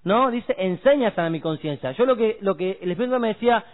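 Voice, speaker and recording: A man's voice: sits high, animated, fairly quick. A man, talking about faith on a radio show in a preachy, emphatic way and using homely examples. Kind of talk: casual devotional radio chat. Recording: tinny phone-like radio audio.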